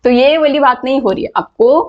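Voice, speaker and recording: A woman with a fairly high voice gives an online English lesson. She explains patiently and repeats words so her students can hear how they sound. The audio is muffled and lo-fi. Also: brisk. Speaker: English teacher. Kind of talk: online class lecture.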